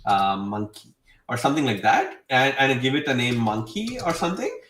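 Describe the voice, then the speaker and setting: A man's voice: mid-range voice, lively intonation, brisk, fairly bright tone, recorded from a distance. A man hosting a casual screen-share tutorial, talking enthusiastically in a rambling way full of fillers. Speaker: host demonstrating software. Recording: roomy sound, away from mic.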